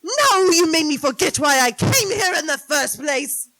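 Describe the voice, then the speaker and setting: A woman's voice: high voice, very animated, normal speed, noisy background. A woman acting an imperious, scolding rich old aunt in a 1940s-style radio drama, haughty and scornful. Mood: stern scolding. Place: live stage in a theater.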